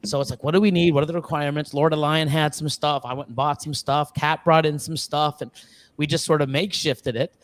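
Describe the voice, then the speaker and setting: A fairly high-pitched man with a level tone talks a little fast as a guest on a casual live stream. He's a ball python breeder at a reptile facility in Ontario, rambling about breeding with plenty of fillers, restarts and the odd curse.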